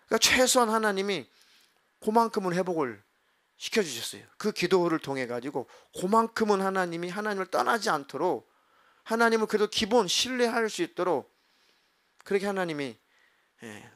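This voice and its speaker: A man's voice: sits high, very animated, a little fast, a bit bright. A male pastor preaching a sermon in a church, earnestly acting out his own past complaining prayers. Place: church sanctuary.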